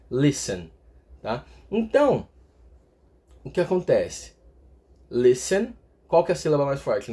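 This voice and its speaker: A man's voice: a little high, darkish tone. A man teaching English grammar step by step, often stopping to check in with his viewers. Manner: explains step by step, ends phrases with a checking "tá?". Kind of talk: explaining grammar in a video lesson.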